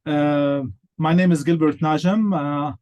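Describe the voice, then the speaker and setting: A man who grew up between Lebanon and France joins an interview over a video call. He answers plainly and briefly, pausing now and then. His voice is a touch high for a man. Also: fairly even intonation, a little mellow, dull audio. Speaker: interview guest, billiards player.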